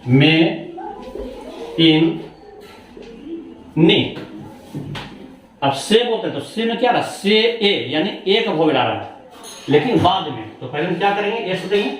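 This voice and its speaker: A man's voice: a little high, slight background noise. A male shorthand teacher giving a classroom lesson, explaining each step and asking questions he then answers himself. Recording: very echoey room, voice far from mic.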